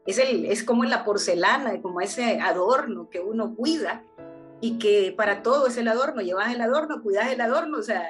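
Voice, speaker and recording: A woman's voice: fairly high pitch, moderate pace, faint music behind. A woman preaching a personal testimony sermon, speaking in an earnest, heartfelt way with frequent restarts.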